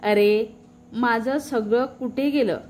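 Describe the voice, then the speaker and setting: A woman's voice: fairly high pitch, slow pace, darkish tone, slight background noise. A woman voicing a playful, greedy female goat in a children's storybook tale, boastful and teasing.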